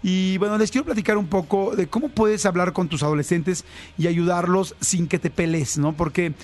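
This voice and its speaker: A man's voice: high voice, fairly even intonation, normal speed. A man giving casual parenting advice, talking conversationally and addressing listeners directly.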